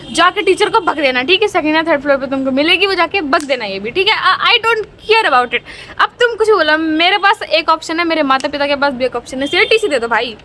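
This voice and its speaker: A teenage girl with a high voice chats through a storytime vlog, dramatic and talkative, and keeps checking in with her viewers. A faint hum of vehicles sits behind her. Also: pushed and bright. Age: teens. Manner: chatty, dramatic, frequent "theek hai" fillers. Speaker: vlogger.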